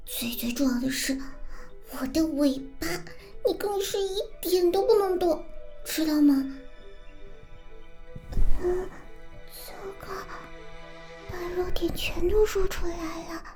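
A woman voicing a clumsy, flustered succubus who acts tough in a halting, breathy ASMR role-play. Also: very high voice, warm tone, soft background music, heavily acted. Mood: bossy, proud. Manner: breathy, halting, tsundere bluster.

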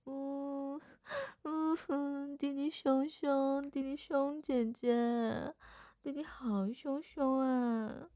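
A woman's voice: high voice, steady tone, very slow, warm tone, dry recording. A young woman voicing a playful older sister in a second-person audio role-play, whining and teasing coquettishly. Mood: pouty.

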